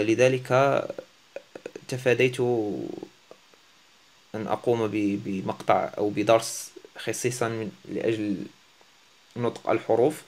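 A man who is not a native Arabic speaker teaching a French lesson, often pausing and searching for words. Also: medium pitch. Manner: halting, searching for words, self-deprecating. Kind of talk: casual language lesson.

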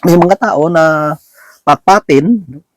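A man preaching in a relaxed, chatty way, with a somewhat high voice recorded close and dry. He keeps checking in with his listeners through quick tag questions and slips English words into his speech. He chuckles now and then between points. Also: no room sound. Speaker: lay preacher. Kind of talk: conversational sermon.

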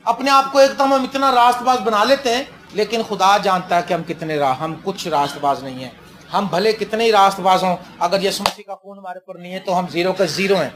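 A man's voice: high-pitched, fairly bright tone. A male pastor delivering a fervent sermon, swinging between stern warnings and joking stories.

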